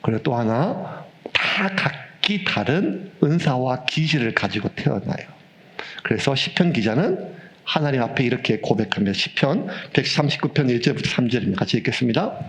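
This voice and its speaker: A man in his fifties, a pastor preaching a sermon with humorous, animated storytelling. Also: mid-range voice, moderate pace. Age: 50s.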